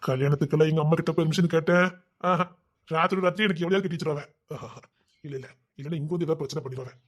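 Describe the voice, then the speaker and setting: A man's voice: a little high, very fast, lightly acted. An actor playing a restless young man in love, fretting aloud and pleading to elope in an audio drama. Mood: worried scheming. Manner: fretful rambling inner monologue, then pleading.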